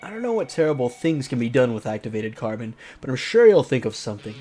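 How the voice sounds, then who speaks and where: This gaming-show host is a woman with a very low voice who talks at a quick pace. She tosses out playful, animated asides between casual let's-play banter and a dramatic visual novel reading, with guitar game music playing in the background.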